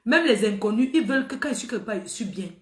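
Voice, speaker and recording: A woman's voice: on the high side, animated, quick pace, reverberant. A middle-aged woman telling a story to her viewers in a casual, emphatic way, repeating phrases for effect. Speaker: social media personality.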